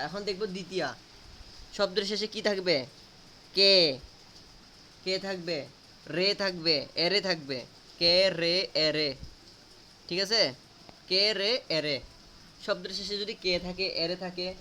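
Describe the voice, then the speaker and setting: A man's voice: high-pitched, unhurried, bright, forceful tone, a little hiss or hum. A man teaching a grammar lesson, asking students questions and repeating answers to drill them.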